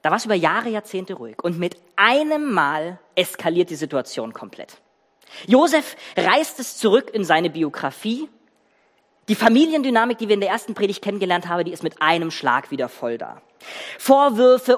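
A preacher delivers a sermon in a long, ringing hall, the voice sitting at an ordinary middle pitch. The telling is animated and emphatic, with lists of words thrown out and pauses held for effect. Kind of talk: sermon with dramatic Bible reading. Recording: reverberant church hall.

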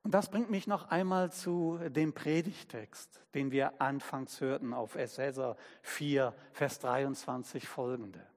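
Slow-preaching man in a reverberant hall. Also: mid-range voice, a little mellow. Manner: slow, emphatic preaching with everyday examples. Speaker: pastor. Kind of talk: sermon.

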